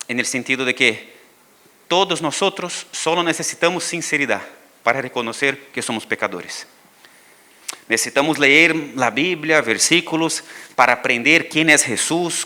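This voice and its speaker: A man's voice: mid-range voice, sharp tone. A man preaching a sermon to a church congregation, asking the listeners questions and reading scripture aloud with rising intensity. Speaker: pastor.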